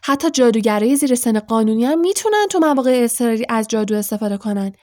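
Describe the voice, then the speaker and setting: A woman voicing an eager, excitable boy wizard in an audiobook, talking in quick, urgent bursts. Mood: excited. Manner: quick, urgent, high-pitched outbursts. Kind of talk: audiobook character voice.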